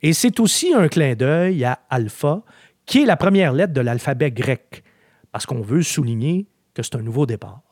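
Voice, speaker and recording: A man's voice: mid-range voice, moderate pace, no room sound. Male podcast host, chatty storyteller, dry close mic. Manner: chatty storyteller, animated, with frequent filler words. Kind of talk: casual podcast chat.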